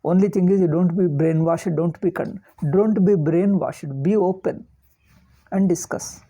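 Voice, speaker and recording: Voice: mid-range voice, unhurried, warm tone, highs cut off. An older spiritual teacher with a South Indian accent gives an informal religious discourse, repeating words and phrases for emphasis.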